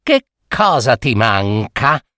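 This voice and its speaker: A man voicing a cunning red-haired witch who talks in a teasing, sing-song, drawn-out way. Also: medium pitch, very animated, sharp tone, no echo, clean studio sound, heavily acted.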